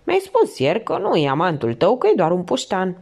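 A placid middle-aged police inspector, read by a woman who speaks in a quiet, measured murmur. The delivery is low-keyed and detached, heard in a storybook. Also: huge pitch swings, creaky, breathy edge, exaggerated voice.

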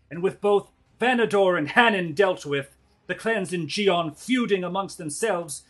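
A man voicing a bitter, scornful half-elf villain with slow theatrical menace in a tabletop game. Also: fairly high pitch, fairly bright tone, husky, pitched above the performer's own voice.

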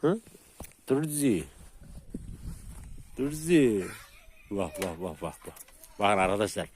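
Slow, low-voiced man vlogging outdoors. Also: very animated, slight background noise. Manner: chatty, shouts jokingly at his dogs. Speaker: dog breeder and vlogger. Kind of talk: casual outdoor vlog. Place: outdoors in open farmland. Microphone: phone camera.

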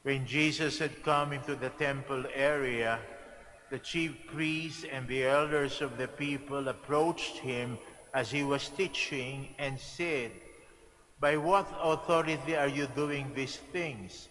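A Filipino-accented man speaks as a priest at Mass. His delivery is slow, solemn and measured, with each phrase set apart. A long cathedral echo trails behind his words in the large church. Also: mid-range voice, fairly even intonation, a bit bright. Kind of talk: gospel proclamation and homily.

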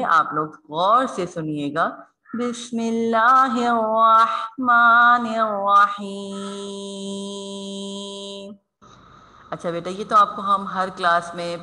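A woman's voice: on the low side, sharp tone. A woman teaching a recitation lesson online, explaining each rule patiently and addressing her students fondly as children. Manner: patient, explains step by step, calls students "beta".

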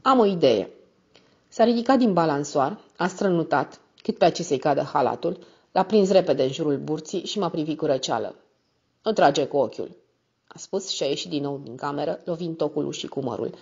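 A woman reading a novel aloud as a steady, measured first-person narrator. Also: low voice, creaky, breathy edge. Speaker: audiobook narrator. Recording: slightly muffled recording.

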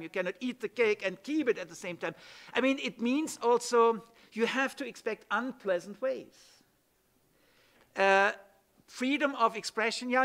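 A man's voice: sits high, a bit bright. A middle-aged man from Germany, speaking at a panel event in an emphatic way, with frequent restarts and "yeah?" checks. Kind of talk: spoken conference talk.

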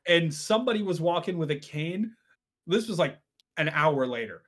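A man in his forties telling a story in casual podcast chat, animated and laughing often. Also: a little high, moderate pace. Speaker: podcast guest.

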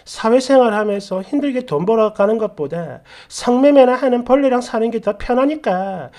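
Woman, story narrator, reading comments, conversational, opinionated, lively pitch. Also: normal speed.

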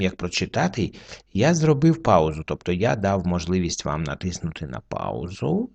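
Guy teaching french word by word, deep gravelly voice, patient and slow. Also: a little mellow. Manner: slow, patient explaining with pauses. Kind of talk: word-by-word reading lesson.

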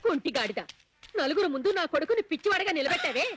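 An actress playing a doting middle-aged mother in film dialogue, tender and coaxing but sharp and scolding when crossed. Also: high-pitched, expressive, very fast, a little hiss or hum. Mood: angry. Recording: film soundtrack with music.

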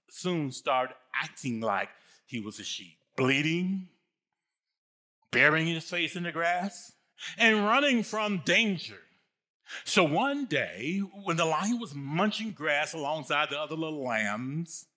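A man's voice: a little high, pushed and bright. An older man preaching a sermon as pastor, emphatic, repeating phrases and asking his congregation questions.

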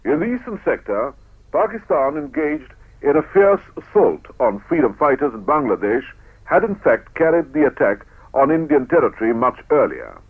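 A man's voice: medium pitch, big pitch swings, moderate pace, husky. A man narrates an old newsreel in a formal, declamatory style. The archival recording is very narrow and tinny, like a radio broadcast.

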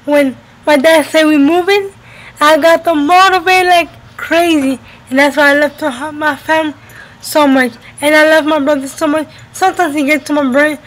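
Sitting high in pitch with fairly even intonation, a moderate pace and a fairly bright tone, this woman chats casually to camera and repeats phrases for emphasis. She's in her twenties, from the United States (New Jersey and Florida), filming indoors at home by a window on an arm's-length webcam that gives a rough recording.

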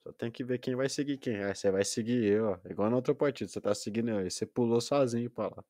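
A man's voice: mid-range voice, fast, a little mellow, no room sound, clean studio sound. A man streaming a game, patiently explaining the menus to a friend step by step. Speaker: gaming livestreamer. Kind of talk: casual gaming stream chat.

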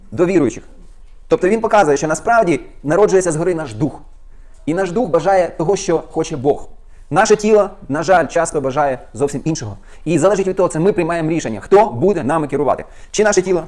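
A male pastor preaching at a very fast clip, his voice pitched a little higher than most men's. He fires off rhetorical questions to the congregation and stops to read scripture aloud before commenting on it. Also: a little mellow. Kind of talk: sermon.

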